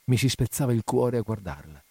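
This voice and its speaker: A man reading a classic story aloud with measured, somber narration. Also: mid-range voice, animated, creaky, a little mellow, slightly rough, no room sound. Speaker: reader.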